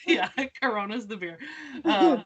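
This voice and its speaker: A woman's voice: a little high, muffled recording. A woman co-hosting a podcast, telling a story in casual chat with lots of fillers and laughs. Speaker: podcast co-host.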